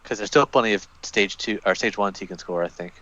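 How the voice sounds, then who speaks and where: A man's voice: on the low side, a little fast, pushed and bright, lo-fi sound. A man commentating a board game tournament, weighing options and thinking aloud with hedges. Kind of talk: strategy analysis commentary.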